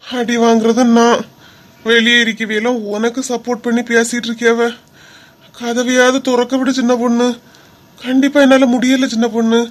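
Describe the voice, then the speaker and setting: A woman's voice: on the high side, steady tone, moderate pace, natural voice. A meek, henpecked cartoon husband, played by a woman who whines and pleads in a Kanyakumari Tamil accent. He grumbles under his breath and begs for mercy. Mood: pleading. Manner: whining, pleading.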